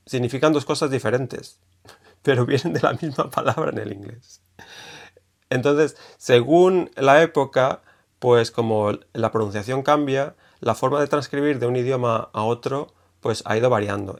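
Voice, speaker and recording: Man from Spain explaining casually. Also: medium pitch. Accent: Spanish from Spain. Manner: thinking aloud with many fillers and restarts. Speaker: language video host. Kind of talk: casual explanatory video lesson.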